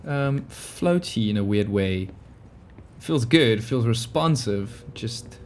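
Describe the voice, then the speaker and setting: A man's voice: fairly low pitch, animated, takes it slowly, a little mellow, slight background noise. A man hosting a gaming video, giving casual, laid-back, musing commentary as he plays.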